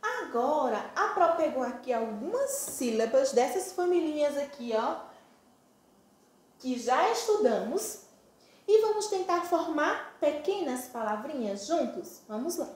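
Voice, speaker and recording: Slow high-voiced woman teaching phonics. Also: sing-song, a little mellow. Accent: Brazilian Portuguese, Pernambuco. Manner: affectionate, stretches syllables and uses diminutives. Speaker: preschool teacher. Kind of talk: slow, sing-song phonics lesson for small children. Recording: very echoey room.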